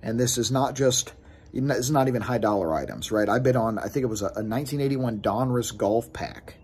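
Out on his porch, a man in his thirties who vlogs about sports card collecting vents casually into his close-up phone camera, hands gesturing as he talks. He speaks briskly in a mid-range voice that is a little mellow and husky.

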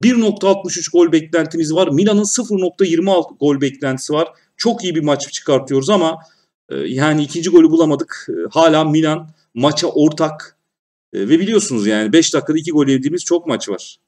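A man narrating his football manager save in a lively, running commentary. He swings between loud cheering at goals and low, muttered frustration at errors. His voice sits a little back from the microphone. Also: a little fast, recorded from a distance. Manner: excitable, shouts at goals, grumbles at mistakes. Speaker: gaming YouTuber.

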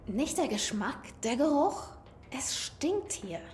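An actress playing a skeptical, sardonic young heroine in a video game, guarded and wry. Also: female voice, high voice, big pitch swings, slow pace, a little mellow, slight background noise, exaggerated voice. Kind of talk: dubbed video game dialogue.

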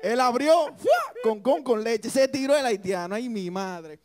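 A man's voice: very high voice, unhurried. A Dominican man telling a joke, acting it out with sound effects. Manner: animated storytelling with sound effects.

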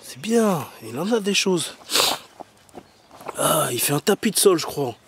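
This vlogger has a fairly high, creaky voice with big pitch swings and a measured pace. Filming an overgrown garden on a handheld camera mic amid slight background noise, he gives casual, slangy commentary full of teasing mock complaints.

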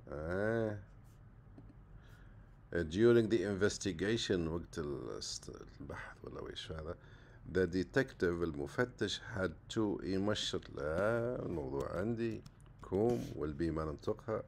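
A man runs a casual exam-prep vocabulary lesson, talking in a low, gravelly voice. He chats loosely and draws out each English word slowly. A faint hiss of noise sits under his voice. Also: animated. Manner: casual, chatty, jumps between Arabic and English, slow deliberate English words.

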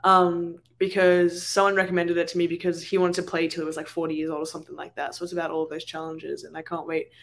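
A woman's voice: fairly low pitch, little pitch movement, quick pace, few pauses. A young woman with an Australian accent, co-hosting a casual podcast chat, talking in a rambling way with lots of fillers and restarts. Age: young adult. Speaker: podcast co-host.

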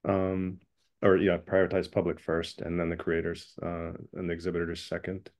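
A man reporting back from a breakout group in an online meeting, relaxed and full of fillers. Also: low voice, moderate pace. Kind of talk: meeting report-out on a video call. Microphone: video call.

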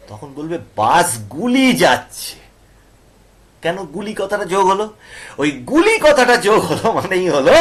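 A male teacher with a Bengali accent, explaining grammar to students and often checking they follow with questions. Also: high voice. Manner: asks students questions and repeats points.

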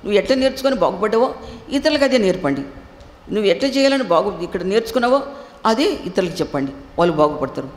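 A woman's voice: mid-range voice, lively intonation, fast, a little mellow. A woman preacher delivering an emphatic sermon with a Telugu accent, repeating phrases and asking the listeners rhetorical questions. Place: church hall. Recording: echoey hall with faint noise.

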